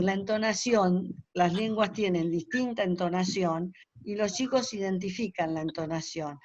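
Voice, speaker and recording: A woman's voice: medium pitch, no room sound. Older woman lecturing on a dull call. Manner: explanatory, many hesitations and fillers. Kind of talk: webinar lecture. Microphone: video call. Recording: dull dry video call audio.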